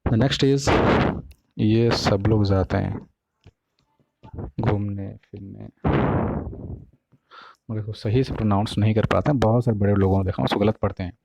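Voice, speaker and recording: A man with an Indian accent teaching English pronunciation in a casual classroom style, mixing Hindi and English, asking "ठीक है?" and sounding words out slowly by syllable. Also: on the low side, fairly even intonation, gravelly, mellow, slight background noise, low-quality recording.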